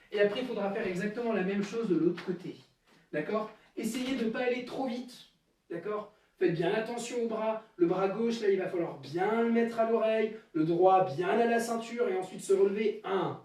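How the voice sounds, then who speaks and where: A man's voice: high voice, darkish tone. A man teaching a karate class to children, calling counts in Japanese and guiding each move step by step, recorded live on a camera across the room. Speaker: karate instructor. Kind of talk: live online class instruction. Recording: very echoey room, from far off.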